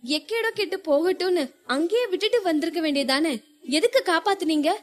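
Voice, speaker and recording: A woman's voice: extremely high pitch, fairly quick, pitched above the performer's own voice. Woman reading a hurt young wife. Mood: hurt, pleading. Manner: pleading, wounded. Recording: long hall reverb.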